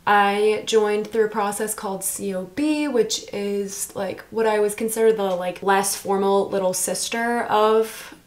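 A woman's voice: medium pitch, measured pace, hardly any pauses. A bubbly, girlish American woman in her early twenties chatting casually in a get-ready vlog, peppering her talk with "like". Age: early 20s. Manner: bubbly, girlish sorority-girl chattiness with frequent "like". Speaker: college student vlogger. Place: small bedroom, indoors. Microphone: camera-mounted shotgun mic, close by.

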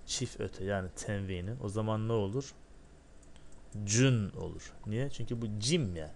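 Male teacher, lowish voice, self-questioning drill style, faint noise. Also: unhurried, vocal fry, darkish tone. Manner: asks himself questions and answers them, drills syllables. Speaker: Arabic teacher. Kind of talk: step-by-step classroom lesson.

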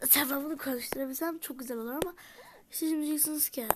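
A woman in whispered role-play, voicing dolls in a game and switching between character voices, often softly whispering. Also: high voice, very fast, background noise. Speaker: YouTuber voicing dolls in a life-sim game.

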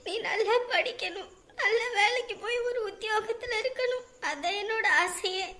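Woman as loving worried mother, very high voice, tender, anxious, consoling, family drama. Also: normal speed, sharp tone. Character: loving, worried mother talking to her son.

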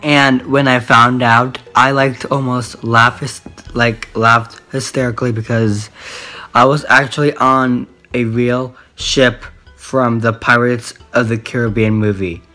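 A teenage male vlogger telling a story casually and haltingly, repeating himself, recorded on a handheld phone in a small room. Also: medium pitch, steady tone, bright, forceful tone, faint music behind. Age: teens. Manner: halting, repetitive. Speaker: video host. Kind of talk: casual excited vlog storytelling. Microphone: phone at arm's length.

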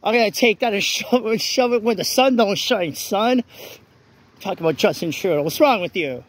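A man's high, expressive voice moves at a moderate pace as he rants bluntly while walking a wet city street at night. He records the vlog on a handheld phone and often restarts his sentences.

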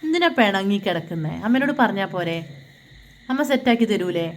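A woman's voice: mid-range voice, expressive, brisk, a little hiss or hum. A mother who films and talks to her young children at home in a coaxing, affectionate, sing-song way. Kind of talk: casual home vlog, talking to her kids. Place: family home, indoors.

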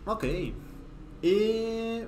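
A man's voice: extremely high pitch, extremely slow. A young man teaching a coding lesson, talking through each step as he types at his desk. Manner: relaxed, thinking aloud while typing code. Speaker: programming tutor. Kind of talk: screen-recorded coding tutorial. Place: small room at a desk, webcam. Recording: roomy echo, faint noise.

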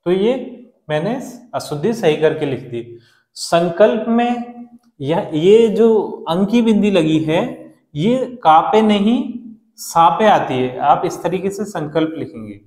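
A male teacher patiently explaining a lesson to children, repeating key words and spelling them out slowly. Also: high voice, animated, darkish tone, echoey room.

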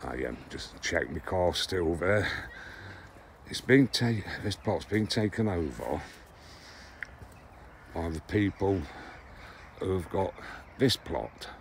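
A man in his sixties from England, vlogging about allotment gardening, chats casually to camera in a low-pitched, sing-song voice with vocal fry. He talks slowly with long pauses, rambling about his harvest and often correcting himself. A little hiss or hum is audible, and he's among greenhouses and plots, partly outdoors.

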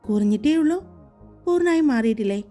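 A woman voicing a hot-tempered young man, a blunt, protective boss, in a firm, teasing, lower-pitched delivery for a romance audiobook. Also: animated, fast talker, dark tone, faint music behind, lightly acted.

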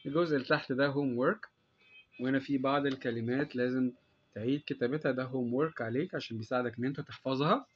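A man with an Egyptian Arabic accent explaining a recorded English lesson for young children, slow and patient, drawing out each English word. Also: medium pitch, steady tone, a little hiss or hum. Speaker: English teacher. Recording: dull lo-fi sound.

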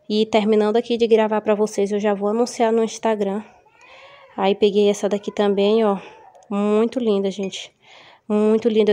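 A woman's voice: mid-range voice, dark tone. A woman with a São Paulo Brazilian accent, chatting casually to her viewers at home as she shows off products she bought to sell. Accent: Brazilian Portuguese, São Paulo. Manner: chatty, addresses viewers as gente, upbeat. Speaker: vlogger selling gift kits. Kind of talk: casual show-and-tell vlog.

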